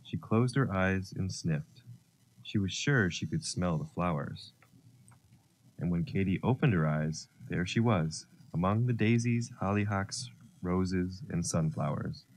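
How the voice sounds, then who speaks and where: A man narrating a children's story, gentle and expressive. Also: sits low, a little slow, slight background noise.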